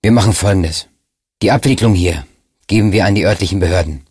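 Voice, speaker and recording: A man voicing a commanding male police chief who gives firm, brisk orders, in an audiobook reading. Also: deep voice, darkish tone, slightly rough, dry recording, studio quality.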